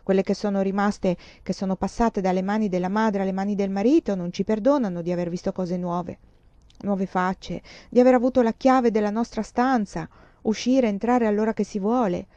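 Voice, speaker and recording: A woman's voice: mid-range voice, fairly even intonation, normal speed, dark tone, dry recording, lightly acted. A woman voicing a mature, ambitious woman writer who speaks in intense, rueful bursts, on a dull lo-fi recording. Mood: bitter.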